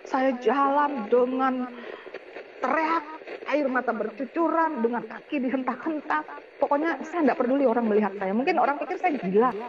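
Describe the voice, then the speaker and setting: An emotional woman recounting her personal testimony to a congregation, her voice sitting fairly high. The recording is dull and lo-fi. The murmur of a crowd is heard behind her. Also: normal speed. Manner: emotional, addresses listeners directly. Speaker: guest giving testimony.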